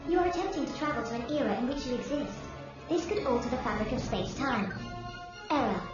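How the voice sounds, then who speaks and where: A high-pitched electronic warning voice of a cartoon time machine fires off clipped, repeated error alerts. The sound is muffled and lo-fi, and strong film music plays under it. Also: female voice, quick pace, very echoey. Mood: alarmed warning. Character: female time machine computer voice. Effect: flat electronic warning voice of a machine. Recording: dull lo-fi film audio with loud music.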